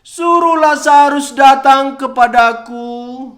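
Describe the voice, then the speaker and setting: A man's voice: extremely high pitch, takes it slowly, fairly bright tone, reverberant, full character voice. A man playing a begging, tormented rich man. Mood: pleading. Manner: desperate, begging and wailing.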